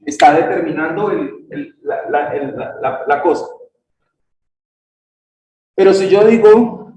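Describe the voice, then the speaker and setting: A man's voice: on the high side, slow pace, dark tone. A man teaching a grammar lesson in a church classroom, checking in with short questions and repeating key words. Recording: echoey room, distant mic, faint noise.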